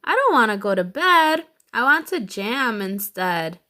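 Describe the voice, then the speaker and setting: A woman voicing a lively, eager male platypus who refuses bedtime in a children's storybook, speaking emphatically. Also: on the high side, measured pace, full character voice. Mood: eager, insistent.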